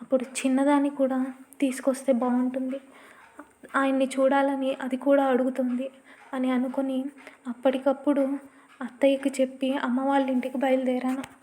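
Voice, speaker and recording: High, flat-toned woman telling a story. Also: normal speed. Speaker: audio story narrator. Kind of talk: first-person storytelling narration.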